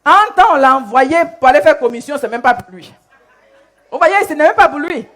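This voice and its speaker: A woman preacher delivering a sermon, telling a story in an animated way and acting out the people in it. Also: sits high, fairly quick. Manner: animated storytelling, acts out characters.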